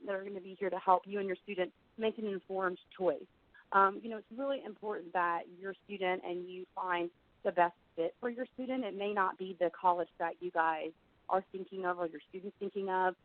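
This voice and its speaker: Slightly froggy from feeling under the weather, a middle-aged admissions director explains things conversationally during a webinar, frequently saying "you know." She talks fairly quickly at a medium pitch with fairly even intonation, on a dry, phone-like narrow-band recording.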